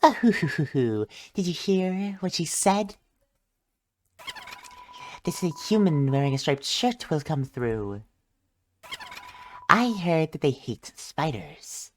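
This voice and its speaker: A man's voice: a little high, very animated, slow pace, pauses often, slight background noise, voice pushed up. A man reading the lines of a sly, gossiping female spider character in a put-on teasing voice. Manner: purring, teasing chuckle.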